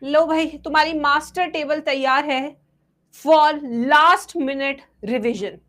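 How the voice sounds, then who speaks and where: A young woman teaching biology for an exam, mixing Hindi and English, slowly dictating table entries and then breaking into quick asides to her students. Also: high-pitched, a bit bright.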